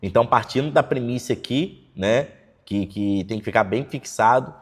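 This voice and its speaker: A man's voice: mid-range voice, normal speed, breathy edge. A man preaching a casual sermon in conversational, slangy talk with many fillers, acting out quoted church members in mocking voices. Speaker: pastor. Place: church service.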